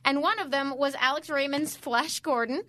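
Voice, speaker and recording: Woman, podcast co-host, casual chat, excitable, rambling, bright voice, dry close mic. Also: high voice, dry recording. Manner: excitable, rambling tangents, quick laughs.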